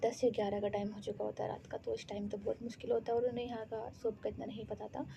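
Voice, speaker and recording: A woman's voice: mid-range voice, completely flat delivery, fast talker, vocal fry, mellow, slight background noise. A woman narrating a romance story in a casual, chatty way. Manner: chatty, conversational.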